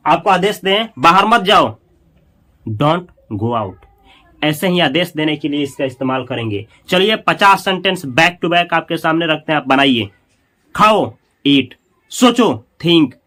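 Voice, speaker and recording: A man teaching an English grammar lesson in Hindi, repeating each example slowly and asking his students questions. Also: high-pitched. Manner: acts out commands with louder emphasis.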